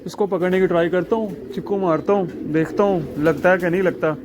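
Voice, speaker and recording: Rooftop pigeon vlogger: chatty man, high voice, noisy outdoor phone audio with pigeons cooing. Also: fairly quick. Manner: chatty, excitable, laughs at himself. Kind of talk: casual rooftop vlog.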